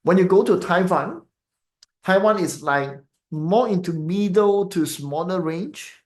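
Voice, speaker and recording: Speaking a little slowly in a voice that sits high, a Malaysian man teaching feng shui talks casually to live-stream viewers. His Malaysian English is rambling and full of fillers and tag questions, and the room echoes.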